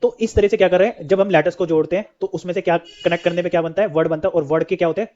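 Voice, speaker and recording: Teaching English, this man asks himself a question and supplies the answer, his delivery steady yet rapid-fire. His voice is fairly high, mellow, and soft around the edges, captured in dull, lo-fi audio.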